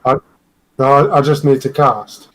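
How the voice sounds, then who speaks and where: Mid-pitched man playing a tabletop game. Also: fairly even intonation, normal speed. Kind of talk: casual chat.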